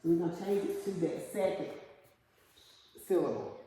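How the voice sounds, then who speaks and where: A patient woman teaching a one-on-one phonics lesson, asking question after question and echoing back the answers. Her voice is dark and mellow. It rings with long reverb in an echoey room. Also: on the low side, expressive, normal speed, a little hiss or hum. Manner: patient, asks questions and repeats the student's answers. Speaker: reading teacher.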